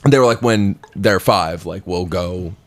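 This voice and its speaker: A man in his mid-thirties with a fairly low voice ribs his friends in a relaxed podcast chat. He talks casually and jokes around easily. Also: a little slow. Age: 30s. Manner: teasing, joking. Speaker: podcast co-host.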